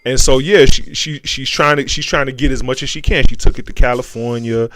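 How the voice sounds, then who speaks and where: A man's voice: mid-range voice, steady tone, fairly quick, noisy background. An American man hosting a casual, opinionated commentary show, talking in slang and repeating phrases for emphasis.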